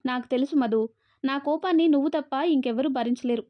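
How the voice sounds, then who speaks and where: A woman voicing a quick-tempered young husband who speaks in a curt, irritated manner. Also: sits high, no room sound, close to an everyday voice. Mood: tender. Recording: dull, dry lo-fi audio.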